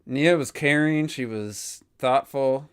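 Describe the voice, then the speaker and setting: A man's voice: mid-range voice, slow, clear, resonant tone. A man co-hosting a gaming podcast, chatting casually and opinionatedly, rambling with lots of fillers. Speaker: podcast co-host.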